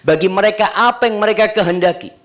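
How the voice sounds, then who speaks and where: A man preaching to his congregation in an animated sermon. He swings from soft, hushed phrases to loud, high-pitched cries and keeps turning to the listeners with questions. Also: fast talker. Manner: addresses the congregation directly, asks them questions.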